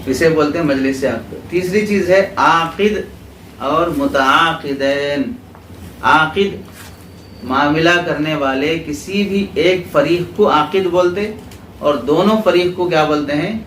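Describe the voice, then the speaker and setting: A man's voice: on the high side, fairly bright tone. Urdu-accented male teacher quizzing a class. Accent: Pakistani Urdu. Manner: asks students questions and repeats their answers. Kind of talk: classroom lecture with call-and-response questions. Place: classroom of a religious school. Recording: roomy echo, distant mic, clear background noise.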